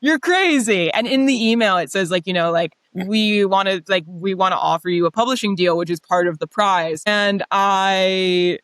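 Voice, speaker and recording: A woman's voice: medium pitch, normal speed, few pauses, fairly bright tone, clear, resonant tone, no echo. A woman telling her story as an interview guest in a casual, chatty, self-deprecating way, saying "like" often.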